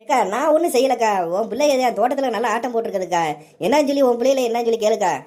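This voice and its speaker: An easygoing younger brother in a cartoon, voiced by a woman, protests and pleads with his older sister. He talks very fast in a slightly raised voice. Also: on the high side, a little mellow, close to an everyday voice. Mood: defensive. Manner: pleading, defensive.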